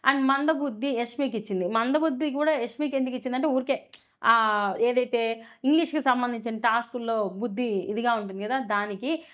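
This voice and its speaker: A woman's voice: on the high side, fairly quick, fairly bright tone. A woman giving a casual, opinionated review of a reality show, full of fillers and rhetorical questions.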